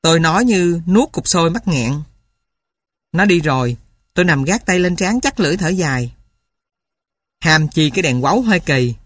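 A woman narrating a story in the first person, steady and storytelling. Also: on the low side, normal speed, long pauses, no echo, clean studio sound. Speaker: audiobook narrator.

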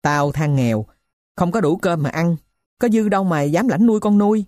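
A woman voicing a poor middle-aged male thief who tells his story in a rough, blunt way. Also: on the low side, moderate pace, warm tone, no echo, studio quality, natural voice. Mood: gruff.

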